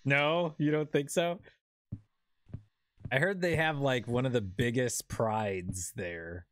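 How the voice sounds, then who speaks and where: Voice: mid-range voice, slow, no echo. A young adult streamer chatting casually while playing a horror game, rambling with lots of fillers and restarts. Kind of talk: casual chat while gaming.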